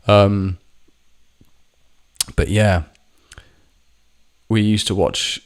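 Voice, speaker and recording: Man, deep low voice, casual vlogger, rambling, swears a lot, corrects himself. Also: fairly even intonation, drawn-out words, clear, resonant tone. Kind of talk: casual storytelling monologue.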